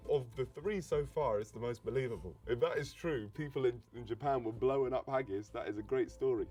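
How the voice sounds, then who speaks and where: A man's voice: mid-range voice, brisk, a little mellow, faint music behind. Man teasingly grilling contestants. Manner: teasing, pressing questions. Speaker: host reacting to a game show clip. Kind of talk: interrogating contestants, casual commentary.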